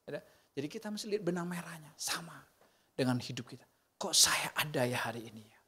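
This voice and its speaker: Man, pastor, Indonesian accent, conversational sermon, asks the crowd questions, slightly high voice, jumps from loud to hushed. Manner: wide swings between loud emphatic bursts and soft, near-whispered lines.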